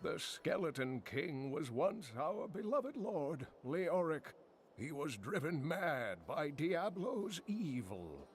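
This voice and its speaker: A weathered, gravelly old sage for a video game, telling old lore slowly and deliberately. His pitch rolls up and down with the tale, and faint noise sits under the recording. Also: exaggerated voice. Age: older. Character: old male sage, scholarly storyteller.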